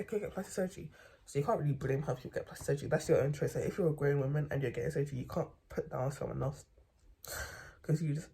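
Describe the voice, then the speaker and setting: Young vlogger, mellow tone, loose rambling late-night monologue from bed, lots of slang and repeats. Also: mid-range voice, vocal fry, husky.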